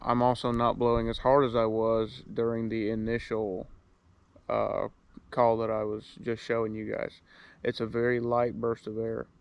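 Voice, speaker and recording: A man's voice: mid-range voice, gravelly, clear, resonant tone. A man giving a casual, plain-spoken how-to tutorial, showing each step and repeating the key points. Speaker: duck call instructor.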